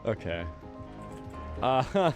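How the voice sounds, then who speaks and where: A man's voice: medium pitch, big pitch swings, extremely slow, soft background music. A young man giving crude, self-mocking commentary over a video game while losing his voice. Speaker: gaming YouTuber. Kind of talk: casual gameplay commentary.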